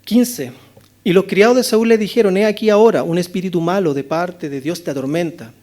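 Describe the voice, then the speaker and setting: Chilean male pastor, expository sermon, high voice, rhetorical questions, dynamics from loud to hushed. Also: fairly quick. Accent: Chilean Spanish. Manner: rhetorical questions, frequent "¿no es cierto?", swings between loud and hushed. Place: church chapel.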